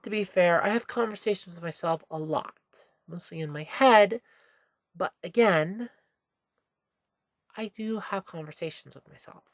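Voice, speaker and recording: A vlogger with a stuffy nose talks to camera from a room at home, rambling candidly and correcting herself along the way. Her voice is on the low side and her pace is measured, with no room sound.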